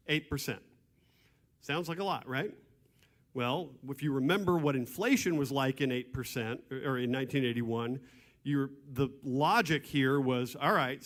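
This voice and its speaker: Guy teaching a property tax class at a church, chatty, clears his throat a lot. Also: mid-range voice, a bit bright. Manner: frequent throat clearing, conversational. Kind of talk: public seminar talk. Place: church hall. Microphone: handheld or stand mic, cutting out at times.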